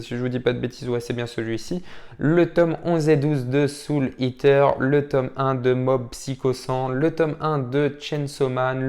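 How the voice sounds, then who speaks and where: A man's voice: a little high, a little mellow. A manga YouTuber, a man, casually commenting on viewers' purchases, rambling with lots of fillers. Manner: rambling, many fillers and "voilà".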